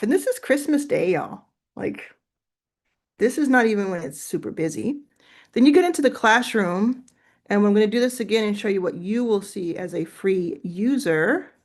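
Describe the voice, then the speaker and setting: Speaking in a mid-range, slightly mellow voice, a livestream host chats casually through a business coaching session. She's encouraging and talkative, offering feedback and thinking things through out loud.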